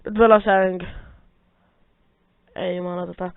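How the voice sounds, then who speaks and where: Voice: medium pitch, flat delivery, clean tone, no room sound. A young-sounding gamer chatters through a let's play, cursing and grumbling as things go wrong. The sound is thin and phone-like, from a mic held close, completely dry with keyboard clicks in the background. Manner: swears a lot, grumbles at the game; rambling, self-talking, addresses viewers. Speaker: Minecraft let's player. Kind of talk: casual gameplay commentary. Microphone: quiet mic held close.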